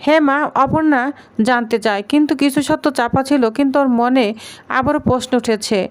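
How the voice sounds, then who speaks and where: A worried young man who keeps his secrets close, read by a woman narrator. The voice stays high and smooth, without a male pitch. His lines are read in an earnest, plain manner. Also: a little fast, natural voice. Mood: guarded.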